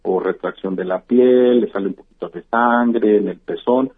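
A man's voice: fairly low pitch, moderate pace. A man, a physician explaining things patiently in a radio interview, with many "eh" fillers and "¿verdad?" tags. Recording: tinny phone-like line.

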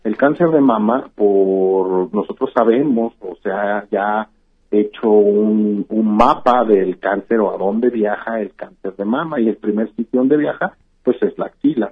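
A man's voice: on the low side, breathy edge. A man, a physician explaining things patiently in a radio interview, with many "eh" fillers and "¿verdad?" tags. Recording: tinny phone-like line.

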